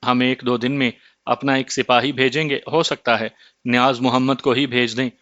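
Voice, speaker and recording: A man's voice: mid-range voice, little pitch movement, fairly bright tone, no echo, muffled recording, lightly acted. Give me a commanding old holy man from a horror storybook, as a man reads him, dry and close. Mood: solemn.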